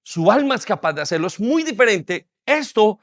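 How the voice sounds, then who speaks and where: A man in his forties preaching a sermon with an emphatic, repetitive rhythm. His voice sits notably high for a man, and the sound is close and dry with almost no room echo. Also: very animated, moderate pace. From Colombia. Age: 40s. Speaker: pastor. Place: church hall.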